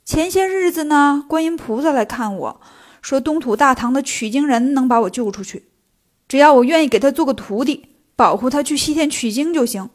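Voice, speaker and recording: A woman's voice: high-pitched, expressive, moderate pace. A woman voicing a cocky, boastful male monkey king hero in a storybook telling. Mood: pleading.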